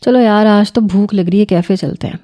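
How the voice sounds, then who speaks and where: A woman reading the part of a feisty, sharp-tongued young female student in an audio novel. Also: mid-range voice, natural voice. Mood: playful.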